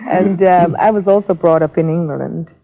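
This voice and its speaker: A woman's voice: on the low side, moderate pace, creaky. A woman from Montserrat, a singer, talking in a playful, amused way. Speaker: singer, interview guest. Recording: lo-fi TV tape with loud crowd.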